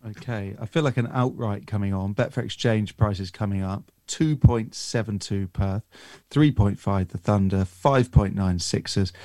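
A man's voice: lowish voice, normal speed, warm tone, no echo. A man hosting a sports betting podcast, presenting and handing over to guests. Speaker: podcast host.

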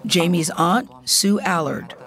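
A woman narrating a news report in a measured, solemn scripted delivery. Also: on the low side, a bit bright. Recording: narration over music.

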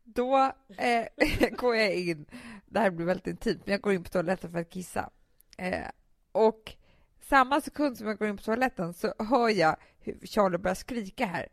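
A woman's voice: mid-range voice, gravelly, no room sound, studio quality. A woman in her thirties, co-hosting a casual chat with her sister and telling stories with lots of laughter. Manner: laughs often, animated storytelling. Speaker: podcast co-host.

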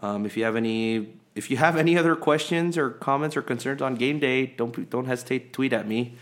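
A man's voice: medium pitch, a little fast. A man co-hosting a sports podcast in casual chat, rambling and chatty with many fillers and restarts. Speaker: podcast co-host.

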